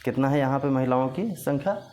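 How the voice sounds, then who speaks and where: A man's voice: mid-range voice, fairly quick, darkish tone, soft background music. A man teaching an exam-prep lecture, dictating facts for notes and repeating the key points. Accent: Hindi.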